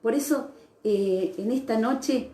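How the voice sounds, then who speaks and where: A woman preaching a sermon at an online church service, speaking in a slow, reflective way with frequent hesitations. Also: on the high side, mellow, echoey room.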